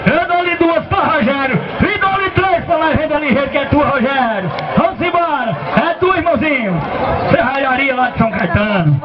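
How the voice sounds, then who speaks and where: A man with a Northeastern Brazilian accent shouting as a livestock auctioneer, goading bidders by name with boastful, repeated calls. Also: very high voice, lively intonation, normal speed. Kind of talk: loud auction calling, urging bidders by name. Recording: dull distant outdoor sound, loud noisy crowd.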